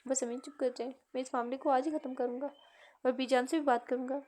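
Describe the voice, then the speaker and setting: Casting: woman doing a loving, quick-tempered young brother in an audiobook, high pitch, her own voice. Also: fairly even intonation, darkish tone, natural voice. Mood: tender. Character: protective young man, gentle brother and son.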